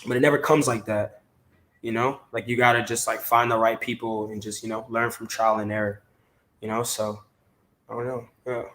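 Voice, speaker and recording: In a casual interview, a talent manager from Maryland in the DC area keeps dropping "you know" into his talk. His voice sits at a medium pitch with a level tone, a moderate pace and a fairly bright sound.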